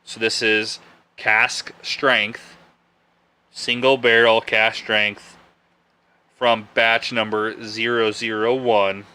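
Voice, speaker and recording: A man's voice: on the low side, level tone, slow pace, sharp tone, clean tone. A young man hosting a podcast, chatting casually and rambling a little as he reviews a drink, often correcting himself. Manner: rambling, laid-back, self-correcting. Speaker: podcast host reviewing bourbon. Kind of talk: casual live-stream chat.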